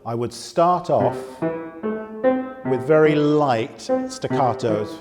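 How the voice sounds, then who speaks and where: A man's voice: medium pitch, takes it slowly. A man giving a piano lesson, explaining patiently and counting fingers aloud as he demonstrates in a very resonant room. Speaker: piano teacher. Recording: long room reverb with loud piano. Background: piano playing.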